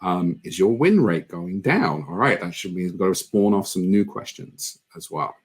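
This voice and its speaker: Low-voiced man giving a conference talk. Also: lively intonation, normal speed, husky. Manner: earnest, conversational, frequent ums. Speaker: conference speaker on product marketing. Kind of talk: online conference presentation.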